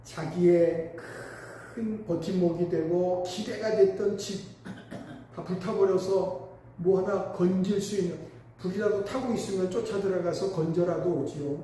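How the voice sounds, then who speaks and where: A man's voice: high-pitched, steady tone, a little slow, mellow, a little hiss or hum. A male pastor preaching a sermon, telling a story with emphatic swells. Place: church sanctuary. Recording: echoey church hall, mic at a distance.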